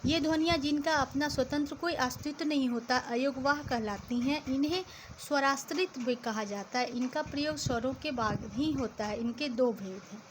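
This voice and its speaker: A woman's voice: high-pitched, normal speed, slight background noise. A woman teacher explaining a lesson step by step to children and reciting letters one by one. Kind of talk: classroom lesson.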